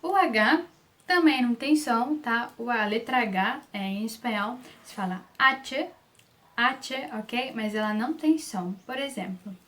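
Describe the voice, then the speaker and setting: A woman's voice: fairly high pitch, animated, measured pace. A woman teaching Spanish pronunciation in an online lesson, patiently repeating words and checking in with "ok?".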